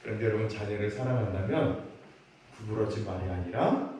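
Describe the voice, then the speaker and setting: Man, pastor, expressive preaching, booming hall reverb from a distant mic. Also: a little fast. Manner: animated, acts out parents' lines and leads the congregation in call-and-response. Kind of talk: sermon. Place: large church sanctuary. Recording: echoey church hall, distant mic, faint noise.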